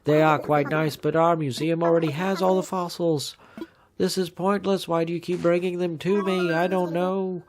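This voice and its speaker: A man's voice: a little high, level tone, normal speed, background noise, pitched above the performer's own voice, lightly acted. A man voicing a fussy male owl who keeps a museum and grumbles with weary exasperation. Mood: exasperated.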